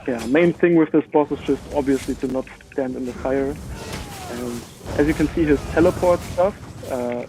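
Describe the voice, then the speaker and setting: A native German speaker with a German accent, a gamer, chats casually while commenting on his own gameplay, using many filler words. His voice is medium-pitched at a normal speed, with background noise.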